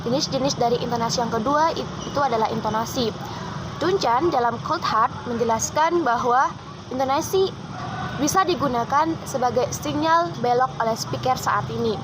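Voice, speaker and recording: High-voiced woman with traffic behind. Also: moderate pace. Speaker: student presenter. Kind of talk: class presentation. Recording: traffic noise outside.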